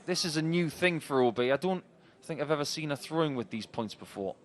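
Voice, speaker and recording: A man's voice: a little high, expressive, brisk. A man giving chatty live commentary on a darts match. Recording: loud crowd behind commentary. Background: darts crowd.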